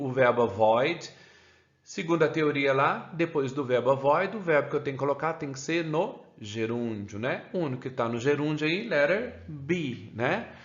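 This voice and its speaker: Brazilian teacher with a roomy, dull sound. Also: male voice, fairly high pitch. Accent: Brazilian Portuguese. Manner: keeps adding "né?" after phrases, says English examples slowly. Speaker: English teacher. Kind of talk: explaining a grammar lesson.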